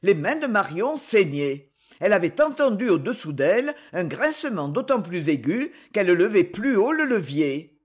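A woman narrating a dramatic novel in a theatrical, measured way. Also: mid-range voice, sing-song, slightly rough. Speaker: audiobook narrator.

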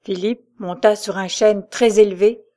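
A woman narrating a dramatic novel as an audiobook, with steady delivery. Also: mid-range voice, measured pace.

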